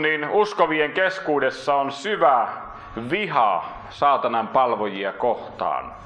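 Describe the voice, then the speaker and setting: Male preacher, earnest sermon delivery, bright tone, roomy church reverb. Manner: earnest preaching, rising for emphasis then dropping low and slow.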